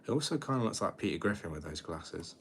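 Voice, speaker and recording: A twenty-year-old British man with a low, deep voice talks to his livestream in a relaxed, rambling way, often restarting his sentences. Faint background noise sits under his voice. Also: fast. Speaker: livestream host. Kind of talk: casual late-night livestream chat.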